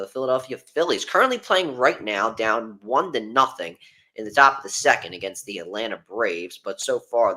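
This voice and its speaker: A young man with a low-side, pushed and bright voice hosts a casual sports podcast. He rambles, filling his talk with plenty of ums and uhs.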